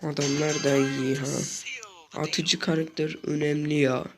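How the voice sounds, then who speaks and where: Young guy narrating his game, gets worked up and shouts at it, game music in the back. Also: a little high, unhurried. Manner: excitable, frequently exasperated outbursts. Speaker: gaming channel host. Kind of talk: live gameplay commentary.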